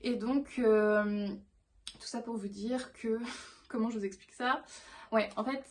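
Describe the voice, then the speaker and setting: A woman's voice: a little high, steady tone, measured pace, darkish tone. A young woman vlogging in a casual, chatty way. She rambles and talks enthusiastically, with many fillers and restarts. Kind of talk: casual vlog chat.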